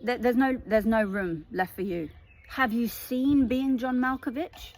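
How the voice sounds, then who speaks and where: A woman's voice: a little high, a little slow. Emphatic woman reading tarot. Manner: emphatic, animated storytelling. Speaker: tarot reader.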